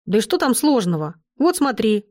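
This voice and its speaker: A cheeky red-haired street boy, as a woman reader puts him on, talks in a gruff, blunt and teasing way. He sounds scrappy and sure of himself throughout this audiobook reading. The sound is dry and close, with no room around it. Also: a little high, sing-song, normal speed, darkish tone, no room sound.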